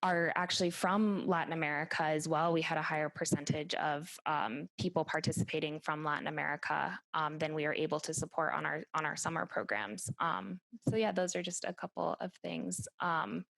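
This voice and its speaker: A woman with a notably low voice talks through her organization's work on a video call. Her delivery is thoughtful and full of pauses and fillers. The sound is dry and close. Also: fairly even intonation, creaky, a bit bright, no room sound, poor audio. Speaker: nonprofit staff member.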